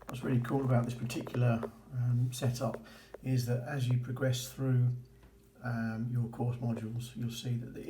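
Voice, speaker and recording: This man, also a vlogger covering a boating course, speaks at medium pitch with a dark tone. His walkthrough is informal and approving, recorded in a roomy space with a little background noise.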